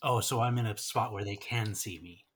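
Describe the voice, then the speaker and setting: A man's voice: on the low side, normal speed, husky. A man playing a tabletop game, talking hesitantly with many fillers. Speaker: player. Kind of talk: casual tabletop game chat.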